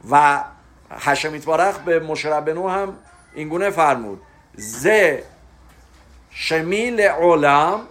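Guy teaching a religious class, bit higher voice, explains slow and careful, stops to stress words. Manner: explanatory, pauses to stress terms. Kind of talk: spoken religious lesson.

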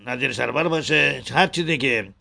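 A man teaching the correct pronunciation of a Hebrew prayer, talking haltingly and repeating words to model each sound. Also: mid-range voice, creaky, sharp tone. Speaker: religious teacher.

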